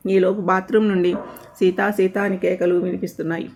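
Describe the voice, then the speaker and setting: Low, flat-voiced woman storyteller. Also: a little fast. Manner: steady, even storytelling. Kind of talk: scripted story narration.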